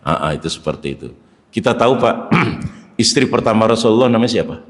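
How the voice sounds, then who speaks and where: A man preaching a sermon in a mosque, animated, swinging between sharp stressed words and low murmured prayers. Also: quick pace, in a large hall. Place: mosque hall.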